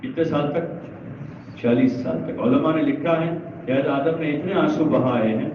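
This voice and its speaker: A man preaching a sermon to a large gathering, asking the audience questions and then answering them himself. He stands well back from the microphone in a heavily echoing hall. The sound is thin and phone-like, with a faint hiss underneath. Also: a little high. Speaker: Islamic preacher. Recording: echoey, far-off, phone-like lo-fi recording.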